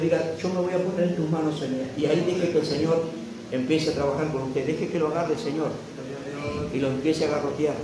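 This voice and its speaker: A man preaching a fervent sermon as pastor, rising to loud proclamation. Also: fairly high pitch, noisy background. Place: church hall. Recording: echoey church sound from a distant mic.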